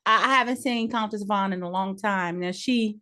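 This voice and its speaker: With a mid-range voice that's pushed and bright, this forties-aged podcast co-host talks at a moderate pace in casual chat. Her manner is outspoken and opinionated, and laughter comes readily.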